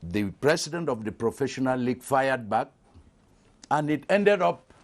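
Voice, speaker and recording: Animated Cameroonian man on a panel. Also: mid-range voice, moderate pace. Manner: animated, explanatory, with hesitations. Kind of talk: studio panel discussion.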